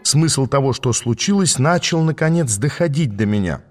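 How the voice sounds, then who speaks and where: A man narrating a fantasy audiobook in the first person with steady, even storytelling. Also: mid-range voice, moderate pace, faint music behind.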